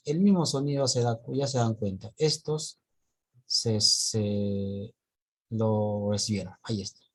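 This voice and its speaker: A man teaching an online class, correcting reading errors one by one with a husky voice. His pitch sits in a middle range. The sound comes over a video call. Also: darkish tone. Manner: corrects students' reading point by point.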